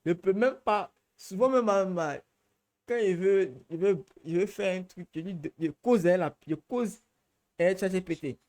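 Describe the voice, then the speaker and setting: A man with an Ivorian French accent leads a live training session, chatting loosely with lots of repetition and local slang. His voice sits high for a man. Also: measured pace, a little mellow. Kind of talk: live workshop Q&A.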